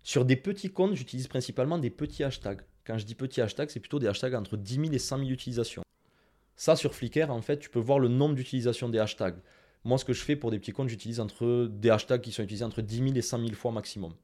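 Southern French man giving brisk advice. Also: mid-range voice. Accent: Toulouse (southern French). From Toulouse, France. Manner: direct, lively advice-giving, speaks straight to listeners. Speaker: guest, Instagram marketing expert. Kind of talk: casual podcast interview.

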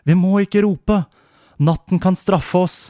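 A man's voice: a little high, steady tone, mellow, dry recording, clean studio sound, voice pushed up, lightly acted. A man reading a novel excerpt aloud, putting on a frightened mother calling out in the night.

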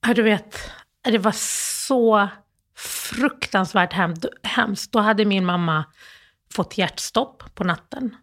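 A grieving woman as an interview guest, telling a personal story in a halting, emotional way with many restarts. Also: mid-range voice, fairly bright tone.

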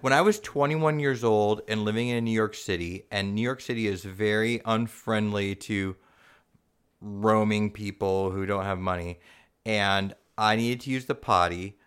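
A man co-hosting a casual podcast, talking in an animated, self-deprecating way with frequent restarts. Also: fairly low pitch, unhurried, clear, resonant tone. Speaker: podcast co-host. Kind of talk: casual chat.

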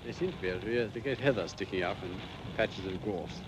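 Male farmer, low voice, noisy outdoor tape. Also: fast talker. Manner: quiet, plain-spoken. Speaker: sheep farmer. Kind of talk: casual interview.

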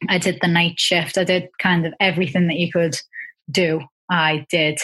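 A woman talks through her career as a podcast guest. Her voice is slightly low and husky, and she speaks in a relaxed, chatty way with plenty of fillers. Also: normal speed, rough recording. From Liverpool, England. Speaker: guest entrepreneur. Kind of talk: casual interview.

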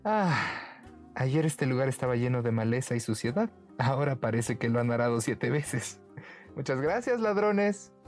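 A man's voice: medium pitch, animated, normal speed, darkish tone, soft background music, voice pushed up, natural voice. A man voicing a clever, sly young peasant woman in a bedtime story, speaking sweetly and teasingly. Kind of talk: storybook character voice.

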